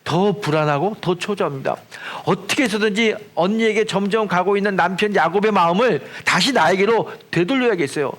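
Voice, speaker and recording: A man preaching from the pulpit, his voice sitting a bit higher than most men's. He tells the story like a storyteller, acting out the quoted lines with rising and falling emphasis. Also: a little fast, few pauses, a bit bright. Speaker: senior pastor. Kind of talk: sermon. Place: church sanctuary.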